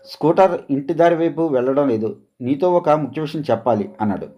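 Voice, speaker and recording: A man narrating a scripted story in a calm, even storytelling read. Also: fairly high pitch, brisk.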